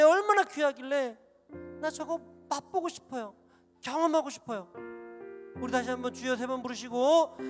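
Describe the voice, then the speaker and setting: A man, a pastor, leading children in a camp sermon and prayer, swinging from loud fervent cries to gentle, earnest storytelling. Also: very high-pitched. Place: large hall at an evening camp service. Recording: echoey hall with music behind.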